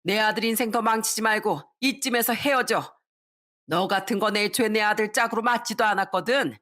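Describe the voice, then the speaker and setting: A woman voicing a domineering older mother-in-law who yells scornfully at her daughter-in-law in a radio story reading. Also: mid-range voice, a little fast, pitched above the performer's own voice, lightly acted. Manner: shouting, scornful.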